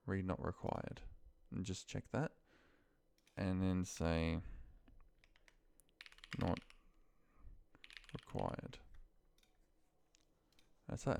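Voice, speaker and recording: A man's low, creaky, slightly mellow voice mutters short fragments as he informally thinks aloud. He is an office worker showing a data-entry task on a screen recording.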